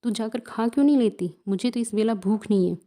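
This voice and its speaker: A woman's voice: a little high, fairly quick, dark tone, lightly acted. A woman voicing a brooding, proud young village man who answers in curt, sullen retorts.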